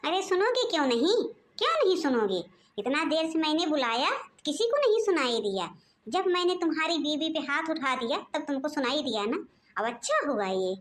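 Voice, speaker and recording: A woman voicing a domineering, arrogant older mother-in-law in a cartoon, shouting and taunting her daughters-in-law. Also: high-pitched, very animated, normal speed. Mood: scornful. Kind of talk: cartoon voice acting.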